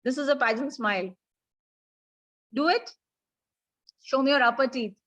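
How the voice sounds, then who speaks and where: A woman's voice: very slow, poor audio. A woman with an Indian accent coaching pageant finalists over a video call, projecting her voice energetically and mixing English and Hindi as she directs them. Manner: energetic, projected voice pitched above her normal talk; mixes English and Hindi, coaxing and directing the class. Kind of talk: live online coaching session.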